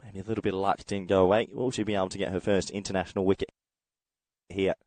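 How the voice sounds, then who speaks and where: Croaky Australian cricket commentator, man. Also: low-pitched, little pitch movement, fast, a little mellow, no echo. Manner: chatty, reads out viewer comments. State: slight head cold, croaky. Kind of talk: solo live sports commentary.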